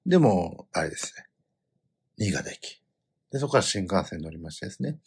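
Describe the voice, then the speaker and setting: A middle-aged man with a Kansai accent tells a rambling family story in a casual way. His voice is low and a little husky, and his pitch swings widely as he gets animated. Now and then he bursts out loudly. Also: normal speed. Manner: animated storytelling, bursts into loud quoted outbursts. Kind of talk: casual chat.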